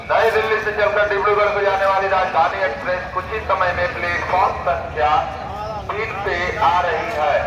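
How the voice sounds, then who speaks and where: A man recites formulaic station announcements over an intercom. His voice is high and very level in pitch. It comes through a distant, echoing loudspeaker amid a loud crowd. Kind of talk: scripted public-address announcement, like an intercom. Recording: echoey station loudspeaker from afar, crowd noise.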